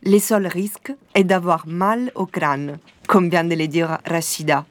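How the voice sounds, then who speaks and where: A woman from southern Italy giving calm, measured scripted documentary narration. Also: lowish voice, a little hiss or hum.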